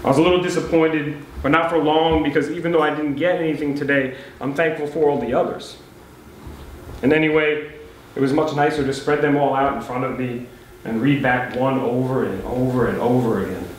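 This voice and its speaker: Reading an old letter before a live poetry-night audience in a beach house, a man keeps dropping in relaxed, chatty remarks. He speaks in a steady, mid-range voice at a fairly quick pace. A little hiss or hum is audible, and the room is very echoey with faint ambience.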